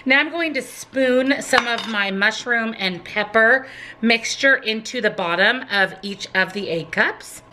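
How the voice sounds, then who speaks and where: A woman's voice: fairly high pitch, unhurried. A woman narrating her weekly meal prep in an upbeat, chatty voice-over, explaining each step as she cooks. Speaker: meal prep vlogger and nutrition coach. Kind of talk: casual cooking voice-over.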